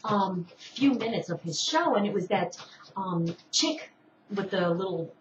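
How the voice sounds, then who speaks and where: A woman's voice: mid-range voice, lively intonation, a little slow, slight background noise. Rambling woman on a distant, roomy mic. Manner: rambling, many restarts and asides. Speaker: online show host. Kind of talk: casual personal storytelling. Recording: distant, roomy, dull home recording.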